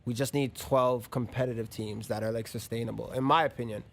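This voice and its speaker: A man who plays soccer, guesting on a podcast in an easygoing way, often trailing off softly. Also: mid-range voice, steady tone, a little fast, creaky. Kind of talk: casual chat.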